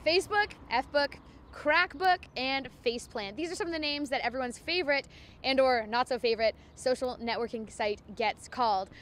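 A woman's voice: high voice, normal speed, a little hiss or hum. A young woman reporting for campus TV, doing street interviews with a handheld mic outdoors. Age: young adult. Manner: bright, chatty questioning with scripted links. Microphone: handheld microphone.

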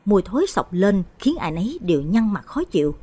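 A woman narrating a late-night horror story with a husky voice. Her pitch swings widely as she tells it with drama and expression. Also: very animated, a little fast, warm tone.

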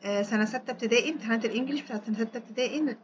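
An Egyptian woman teaching English. She explains fast in Egyptian Arabic, reads the English lines slowly and spells words out letter by letter. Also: a little high, highs cut off, noisy background. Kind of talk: recorded exam walkthrough lesson.

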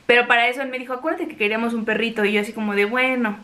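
A young woman with a Mexican accent telling a personal story in a chatty, animated way. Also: fairly high pitch, very fast. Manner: chatty, animated, acts out quoted voices. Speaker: vlogger. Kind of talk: casual storytelling.

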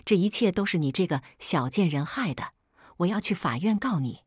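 A woman voicing a furious, coarse middle-aged mother who screams insults and accusations in a husky voice. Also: on the low side, expressive, moderate pace, dry recording, studio quality. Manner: shouting insults, screeching accusations.

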